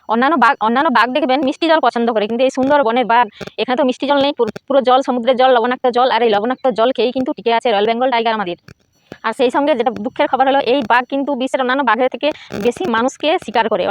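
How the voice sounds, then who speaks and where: Rapid-talking woman. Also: high voice, highs cut off. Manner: rapid explanatory delivery addressing viewers directly. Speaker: channel host. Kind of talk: informational video talk.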